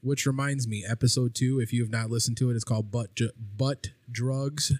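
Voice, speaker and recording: A man's voice: medium pitch, steady tone, fairly quick, no room sound. A man co-hosting a podcast, chatting casually over drinks and swearing freely. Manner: laid-back, swears freely. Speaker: podcast co-host.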